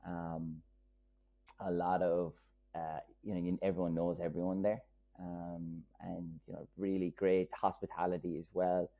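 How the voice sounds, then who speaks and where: A man's voice: sits low, level tone, measured pace, vocal fry. A man with a west of Ireland Kerry accent chatting casually as an interview guest, hesitant and rambling, repeating words, over narrow call audio. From Killarney, County Kerry, Ireland. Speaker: podcast guest.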